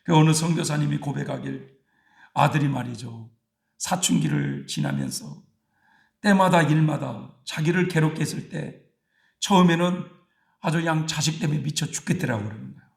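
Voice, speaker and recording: A male pastor delivers a sermon in a raised, gravelly voice. He tells a story and keeps turning to his congregation with short prodding questions. The sound carries through a roomy, echoing space. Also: a little high, lively intonation, normal speed. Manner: tells stories and prods the congregation with repeated "예?" and "음?".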